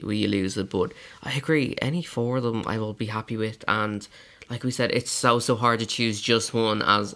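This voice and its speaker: A man's voice: fairly low pitch, sharp tone. An Irish man co-hosting a podcast, friendly and playful in casual chat. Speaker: podcast co-host.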